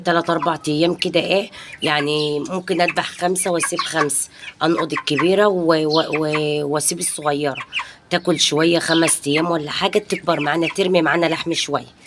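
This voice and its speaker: An Egyptian-accented woman in her thirties talks quickly in a casual home vlog, with a slightly low voice. She rambles warmly from one thing to the next and sprinkles her chat with religious blessings. Faint noise sits under her voice. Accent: Egyptian Arabic. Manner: chatty and rambling, peppered with pious blessings. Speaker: home vlogger and mother. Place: home balcony.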